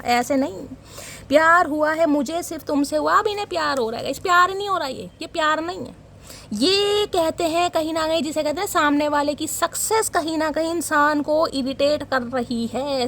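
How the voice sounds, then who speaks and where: A woman's voice: high-pitched, a little hiss or hum. A woman reading tarot cards for her viewers in a teasing, dramatic way. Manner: teasing, dramatic, addresses viewers as guys and darling. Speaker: tarot reader.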